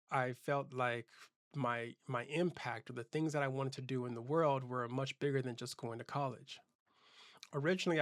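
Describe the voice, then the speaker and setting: A man's voice: mid-range voice, fairly bright tone, no echo, studio quality. A man from Southern California, a keynote speaker and channel host, telling his life story in an earnest, reflective way, often restarting his sentences. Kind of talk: personal storytelling monologue.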